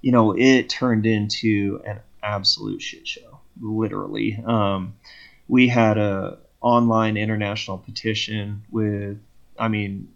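A low-pitched man with a gravelly, creaky voice tells a long story as a guest, in a loose conversational way. He acts out the back-and-forth of each exchange as he goes. The recording sounds dull and lo-fi. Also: measured pace. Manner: animated retelling that acts out both sides of conversations. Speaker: podcast guest. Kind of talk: casual storytelling.

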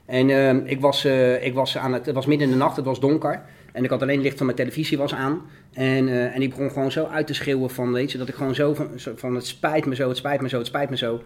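A Dutch man tells his story at a rapid clip, earnest and fervent, often repeating himself as he builds. His voice sits at an ordinary middle pitch and pushes forward with conviction. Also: flat delivery, a little mellow. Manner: earnest, fervent, fast and repetitive. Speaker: guest. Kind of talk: emotional testimony in an interview.

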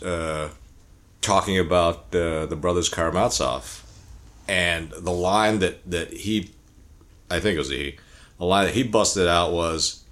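A man co-hosting a podcast in casual chat, blunt and profane, rambling with many restarts, known to speak rapidly. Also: sits low, a bit bright. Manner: speaks rapidly by his own account. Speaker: podcast co-host.

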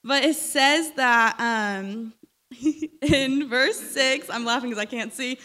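A young woman preaching a sermon, animated and storytelling, with a voice still recovering from being lost. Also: high-pitched, slow pace. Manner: animated, storytelling, laughs when uncomfortable.

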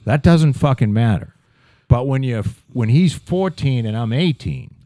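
A man's voice: medium pitch, expressive, measured pace, warm tone, no room sound, studio quality. A man in his fifties co-hosting a podcast in casual chat, rambling and swearing as he goes. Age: 50s. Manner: profane, rambling, trailing off. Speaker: podcast co-host.

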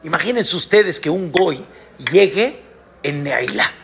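A rabbi giving a sermon, pressing the congregation with emphatic rhetorical questions. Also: male voice, a little high, expressive, unhurried, creaky, background noise.

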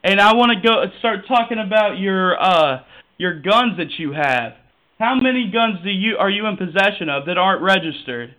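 A man in his twenties with a nasal voice, calling someone and needling them in a calm, taunting way. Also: high voice, normal speed, poor audio. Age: 20s. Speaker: caller. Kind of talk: provoking phone call.

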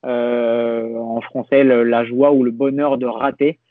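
This young adult man, a podcast guest with French as his first language, speaks with a mid-range, flat, slightly slow delivery. In a casual conversational interview he is reflective and hesitant, restarting often, and the dry recording has a narrow, phone-like quality.

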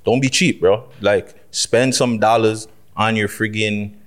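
Animated man hosting a podcast. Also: on the low side, measured pace. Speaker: podcast host. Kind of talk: casual podcast chat with street slang.

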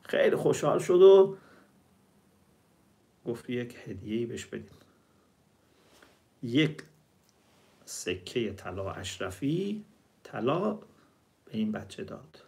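Male preacher, storytelling sermon, slow recitations. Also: mid-range voice, sing-song, warm tone. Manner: explains word meanings, recites verses slowly.

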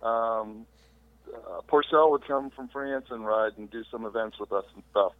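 A middle-aged man calling in remotely as a podcast guest, recalling his career in a relaxed, rambling way with fillers. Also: on the low side, moderate pace, no room sound. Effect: heard over a remote phone call. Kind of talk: casual interview storytelling. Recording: tinny dry phone-line audio.

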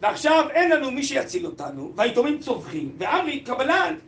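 Man, teacher, very high voice, text-study lesson, quizzes the class, translates sources aloud, echoey classroom. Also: sing-song. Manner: asks the class questions, translates Aramaic aloud.

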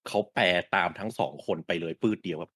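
A young man co-hosting a casual gaming talk show, speaking bluntly with a wry, deliberate manner. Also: deep voice, fairly bright tone, breathy edge, no echo. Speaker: co-host of a gaming news show. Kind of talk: casual chat.

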